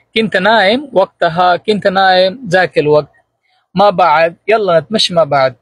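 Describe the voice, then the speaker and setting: Husky man teaching spoken Arabic. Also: high-pitched, no echo. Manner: slow, careful repetition of example phrases. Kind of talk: spoken language lesson.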